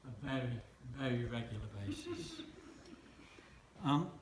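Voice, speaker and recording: A man's voice: mid-range voice, wildly swooping pitch, a little slow. Older man joking through a wedding speech. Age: 70s. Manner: dry, self-mocking humour with teasing asides. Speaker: wedding guest giving a speech. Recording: roomy hall with faint noise.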